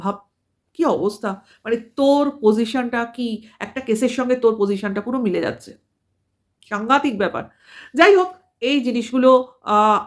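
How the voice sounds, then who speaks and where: A woman delivers a rapid commentary to camera, her voice sitting a little high. She lectures like she is scolding someone directly, piling up rhetorical questions as she goes. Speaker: vlogger.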